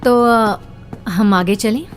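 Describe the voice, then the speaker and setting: A woman's voice: on the high side, slow. A woman voicing a composed, authoritative female park director in a cartoon dub, with music behind her. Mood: calm, explaining.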